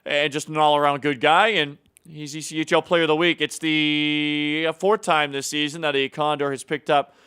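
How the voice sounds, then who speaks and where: A man's voice: fairly high pitch, flat delivery, moderate pace, few pauses, sharp tone, smooth. A man hosting a casual hockey news segment, upbeat and teasing his co-host, with plenty of filler words. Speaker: show host. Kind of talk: casual sports news chat.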